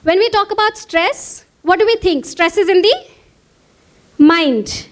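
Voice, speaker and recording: A woman's voice: extremely high pitch, a little slow. A woman with an Indian English accent giving a conference lecture, engaging the audience with frequent questions.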